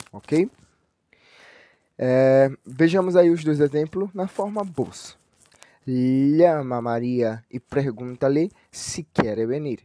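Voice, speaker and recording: A man teaches a grammar lesson in a mellow, dark voice, recorded dry and close. He explains patiently, checks in with his students after each point, and slows right down to read example sentences. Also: medium pitch, no room sound. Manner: reads example sentences slowly. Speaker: language teacher.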